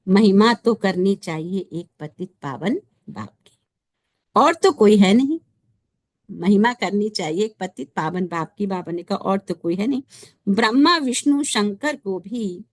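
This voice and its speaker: A woman delivers a devotional sermon in a patient, explaining way, often turning to her listeners with rhetorical questions. Her voice sits at an ordinary middle pitch. The recording is dry and close, with no room echo. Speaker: spiritual teacher explaining a daily lesson.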